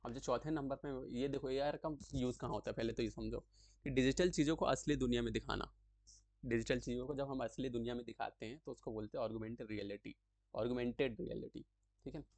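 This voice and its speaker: Male tutorial host, mid pitch, chatty and repetitive, close dry mic. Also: darkish tone, no echo. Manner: chatty, repeats terms slowly, frequent "thik hai" check-ins. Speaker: tutorial creator explaining acronyms. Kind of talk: casual explanatory lesson.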